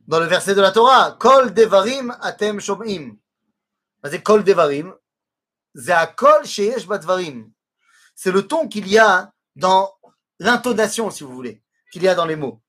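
Male Torah teacher, husky voice, animated delivery, mixes in Hebrew recitations. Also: sits high. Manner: explains slowly, weaving in chanted Hebrew quotes. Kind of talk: explanatory religious lesson.

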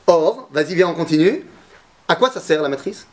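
A man's voice: on the high side, animated, normal speed. A man teaching a Torah lesson to a class, asking his students questions and mixing Hebrew terms into his talk.

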